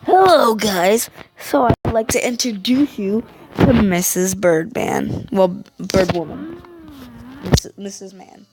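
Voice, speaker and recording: A woman's voice: mid-range voice, expressive, slow, very noisy. A woman YouTuber giving playful, chatty let's-play commentary and talking back to the game.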